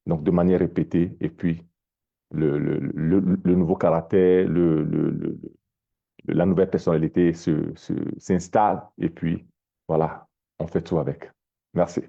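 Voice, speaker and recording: Man from togo, life coach, very low mellow voice, halting and repetitive, dull stream audio. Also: little pitch movement, vocal fry. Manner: halting, repeats words often. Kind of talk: motivational talk on a live stream.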